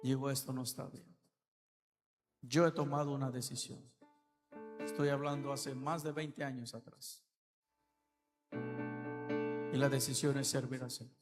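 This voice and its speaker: Man preaching in church, gets soft then loud, lots of reverb, piano playing under him. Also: mid-range voice, little pitch movement, measured pace, pauses often. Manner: impassioned, swings from soft to loud. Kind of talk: sermon. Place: church hall. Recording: church reverb with keyboard music. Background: keyboard music.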